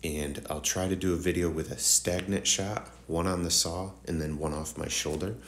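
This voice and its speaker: With a slightly nasal, congested morning voice, a man who hosts a woodworking tutorial channel rambles informally and addresses his viewers directly. His deep voice is steady, a bit bright, and at normal speed, with slight background noise.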